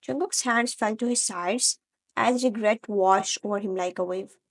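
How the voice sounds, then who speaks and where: A woman narrating a fan-fiction romance story in a soft, even storytelling read. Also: mid-range voice, unhurried.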